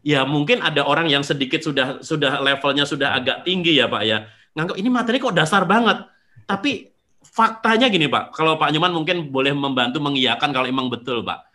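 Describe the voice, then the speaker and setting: An animated man with a bright, forceful voice sits a little above the usual pitch. He tells seminar stories conversationally, acting out the people in them and sinking soft for the emotional parts. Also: fairly quick. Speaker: seminar organizer and speaker. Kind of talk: casual storytelling conversation.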